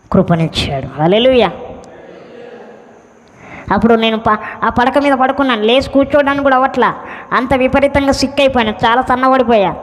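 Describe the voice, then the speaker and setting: A male pastor telling his personal testimony as a sermon, earnestly acting out what others said to him. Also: very high-pitched. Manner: earnest storyteller who acts out the voices of others. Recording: long hall reverb.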